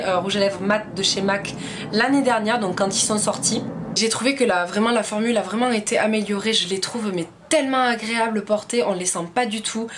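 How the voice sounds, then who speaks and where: A woman's voice: medium pitch, background noise. A young woman with a French accent chatting to camera about her beauty shopping haul, enthusiastic and full of fillers. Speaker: beauty vlogger. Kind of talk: casual haul chat to camera.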